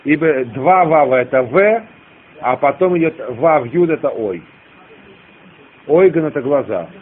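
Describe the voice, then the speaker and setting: A man teaching a class, slowly dictating and explaining the rhymes of a poem with frequent hesitations. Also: a little high, lively intonation. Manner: slow, deliberate dictation with hesitations. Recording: tinny lo-fi tape with hiss.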